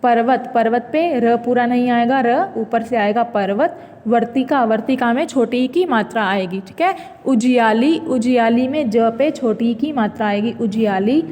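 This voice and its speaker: Slow high-voiced woman teacher, echoey room. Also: darkish tone. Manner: slow, patient word-by-word dictation. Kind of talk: reading out a school exercise.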